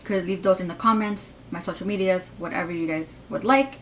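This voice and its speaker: A woman in her twenties talks through a casual question-and-answer vlog, rambling and full of fillers, with a slight lisp from her braces. Her voice sits on the lower side, and a faint hiss runs underneath. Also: fairly quick. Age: 20s. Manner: chatty, rambling, lots of fillers. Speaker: YouTuber.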